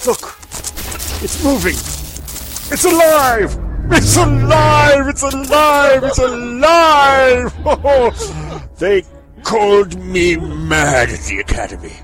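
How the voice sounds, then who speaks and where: A vain, ranting mad scientist in a comic horror audio parody. His voice sits high and swings widely in pitch, pompous and melodramatic, with clear music behind it. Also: big pitch swings, unhurried. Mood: manic triumph.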